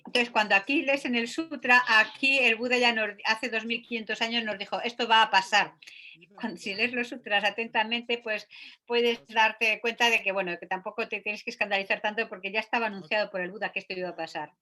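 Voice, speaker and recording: A woman gives a Buddhist teaching on a sutra, reading passages aloud and pausing often on filler sounds. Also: on the high side, fairly even intonation, bright, forceful tone.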